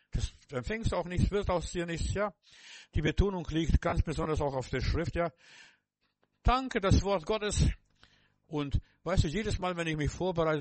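A man's voice: on the high side, no room sound. An older man preaching a sermon, fervent and repetitive, speaking straight to the listener with many restarts.

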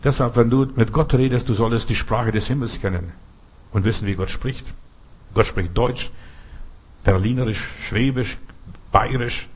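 A man delivers a sermon in a slightly husky voice. German is not his first language. He preaches earnestly, repeating phrases and asking rhetorical questions. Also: mid-range voice, moderate pace, pauses often.

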